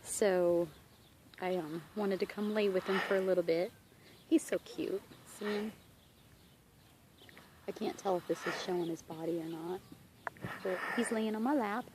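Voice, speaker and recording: Sitting on the ground outdoors at a horse property, a fitness vlogger records her daily update into a handheld camera in a casual, rambling video diary. Her voice is fairly low, relaxed and affectionate, at a moderate pace with long pauses, and the amateur recording picks up a lot of outdoor noise.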